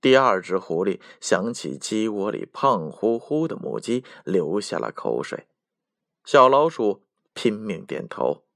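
A male storyteller reads a children's picture book aloud in a slow, expressive way. His voice sits a little low but moves widely in pitch, and the recording is close and dry. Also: vocal fry, dry recording.

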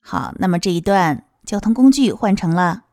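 A woman teaching English pronunciation of a children's song, modeling each sound slowly and clearly. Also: fairly low pitch, expressive, dark tone, no room sound, studio quality. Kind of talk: explaining song lyrics and pronunciation.

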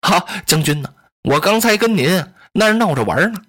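A man's voice: high voice, expressive, a little fast, fairly bright tone. A male storyteller voicing a timid young village woodcutter who stammers nervously, in a Chinese oral storytelling style.

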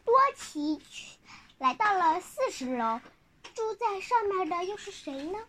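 A child telling a picture-book story informally, halting, repeating words and asking the listener questions. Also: very high-pitched, lively intonation, a bit bright, slight background noise.

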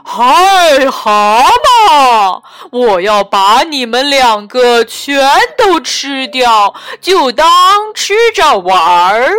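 A woman's voice: sits high, expressive, smooth, heavily acted. A woman voicing a huge, greedy storybook monster who roars and stretches out words. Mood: roaring. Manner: loud roaring, drawn-out words.

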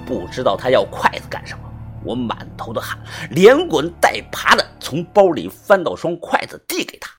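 A woman reading a suspense novel aloud with lively, dramatic narration over faint music. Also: extremely low pitch, moderate pace, slightly rough. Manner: lively, acts out the tension. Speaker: audiobook reader.

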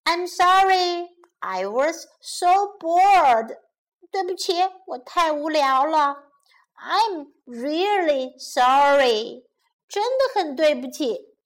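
A prankish young shepherd boy from a children's storybook, put on by a woman reading aloud. His voice is high and bounces up and down, and his lines come slow and stretched out. He shouts in mock panic. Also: lively intonation, exaggerated voice. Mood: apologetic.

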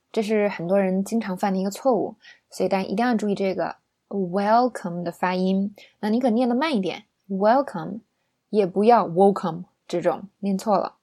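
A woman's voice: medium pitch, darkish tone. Chatty woman teaching English. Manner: chatty and playful, with many rhetorical asks. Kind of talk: online English lesson.

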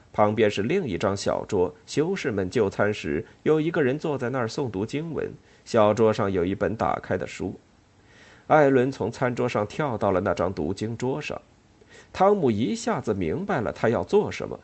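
A man's voice: mid-range voice, moderate pace. A man narrating a novel as an audiobook, telling it expressively. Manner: expressive, animated storytelling.

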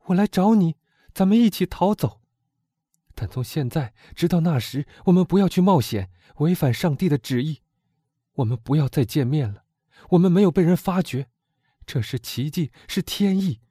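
A man's voice: a little high, expressive, moderate pace, warm tone, slightly rough, no echo, clean studio sound. A man voicing a young woman in despair who pleads with her beloved, in an anguished, imploring audiobook reading. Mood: hushed.

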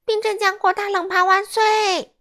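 A woman voicing an excitable, cheerful girl in a children's storybook reading, exclaiming in an excited way. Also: extremely high pitch, moderate pace, pitched above the performer's own voice.

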